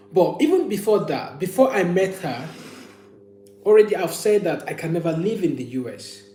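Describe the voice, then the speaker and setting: A man with a fairly high, warm voice hosts a casual livestream chat from an echoey room with a faint hum. He shares personal stories and opinions, often restating phrases for emphasis.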